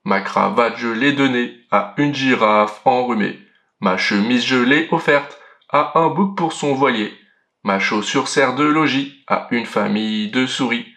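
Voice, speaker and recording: A man voicing a kind, proud male giant in a children's storybook reading, with a slow, sing-song, boasting refrain. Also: medium pitch, sharp tone, voice pushed down. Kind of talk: storybook read-aloud.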